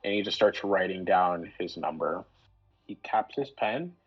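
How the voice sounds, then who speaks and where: Casting note: man, low husky voice, laid-back game master with lots of fillers, dull lo-fi sound. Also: animated. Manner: casual, filler-heavy narration with quick character voices. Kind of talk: narrating a tabletop role-play game.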